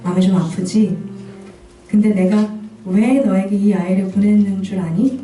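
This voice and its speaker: A woman voicing God, gently consoling. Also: mid-range voice, steady tone, moderate pace, faint music behind, voice pushed down, lightly acted. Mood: tender. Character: God, tender and consoling, speaking to a grieving mother. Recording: echoey church hall, far from the mic.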